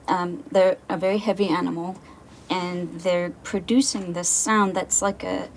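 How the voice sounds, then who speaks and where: Woman expert explaining in an interview, kinda low voice, noisy background. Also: fairly even intonation, a little slow. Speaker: elephant behaviour scientist, interviewee. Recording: clear background ambient noise.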